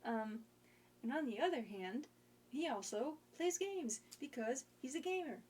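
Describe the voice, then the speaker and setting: Young woman streamer, slow unhurried chat, slightly high voice, meandering with many ums. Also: lively intonation, a little mellow, a little hiss or hum. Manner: rambling, hesitant, many fillers. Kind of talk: casual chat.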